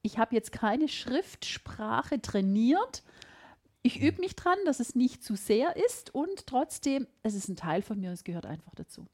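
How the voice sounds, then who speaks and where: A middle-aged woman from Swabia, judging by her accent, hosts a podcast with a casual, reflective feel. She speaks at a measured pace in a fairly high voice, animated and emphatic.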